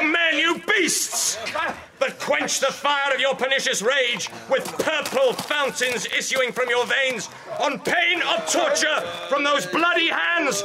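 A man's voice: extremely high pitch, noisy background, exaggerated voice. An actor playing a stern, commanding male prince who proclaims his judgment in Shakespearean stage acting.

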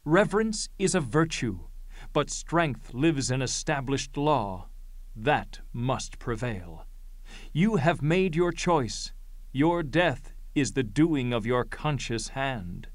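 A grave elder of the Greek chorus, acted by a man declaims tragic verse slowly and solemnly. The voice is measured, in a close, dry recording. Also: medium pitch, sing-song, no echo. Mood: stern reproof. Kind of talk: classical Greek tragedy verse recital.

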